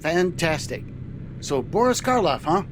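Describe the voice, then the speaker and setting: A man's voice: on the high side, sing-song, measured pace. A man playing a cheery trucker captain, a sci-fi hero, in a hearty retro radio-show style. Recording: clear vehicle noise behind voice.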